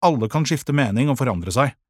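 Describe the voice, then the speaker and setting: A man voicing a fiery twelve-year-old girl in an audiobook, earnest and insistent, with a husky edge. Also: medium pitch, expressive, a little mellow, no echo, clean studio sound, voice pushed up. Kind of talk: audiobook character voice.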